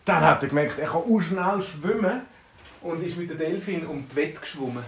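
A man with a Swiss German accent improvising a bedtime story for a child, lively and playful with sound effects. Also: a little high, normal speed. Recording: roomy, distant mic, faint noise.

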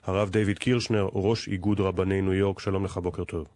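A man hosting a live radio news interview, putting measured questions with hesitant pauses. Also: sits low, flat delivery, a little mellow, no echo.

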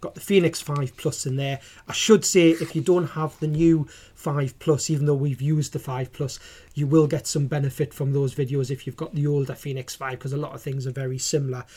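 A man's voice: a little high, little pitch movement, fairly quick, mellow. A man with a Geordie accent, co-hosting a podcast and explaining gear in a practical, casual way. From North East England. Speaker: podcast co-host, GPS trainer. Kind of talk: casual product chat.

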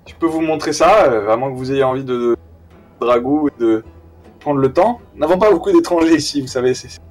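A man with a Southern French accent voicing a coarse frontier saloon keeper woman, halting and clearing his throat. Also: medium pitch, lightly acted. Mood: gruff. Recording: distant mic, faint music.

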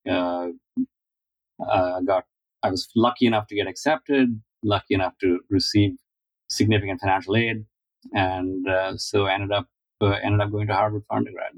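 A man in his forties from India, answering interview questions in a measured, thoughtful way with frequent fillers. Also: fairly low pitch, fairly even intonation, dry recording, low-quality recording. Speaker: guest, finance founder.

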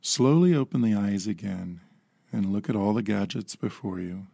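A man in his fifties gently guiding a slow mindfulness meditation, calm and unhurried with long pauses. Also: lowish voice, creaky, dry recording, studio quality. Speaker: meditation guide.

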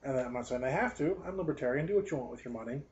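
A man's voice: medium pitch, lively intonation, racing, a little mellow. A young man hosting a podcast, reading a college newspaper aloud and sarcastically picking it apart, rambling off on tangents. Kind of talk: casual live commentary. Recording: dull lo-fi recording.

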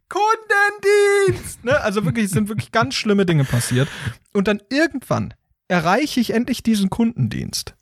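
A man hosting a casual podcast, telling a story with lively acted-out voices of phone agents and a robotic menu. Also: high voice, no room sound, studio quality.

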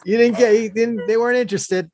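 A man hosting a casual chat, relaxed and rambling, with jokey asides. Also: very high voice, fast talker, no echo, studio quality.

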